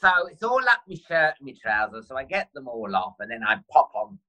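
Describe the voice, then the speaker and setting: A man's voice: medium pitch, very animated, a little fast, pushed and bright. A man telling funny personal stories as a podcast guest, chatty and self-mocking, laughing through his anecdotes. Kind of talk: casual storytelling.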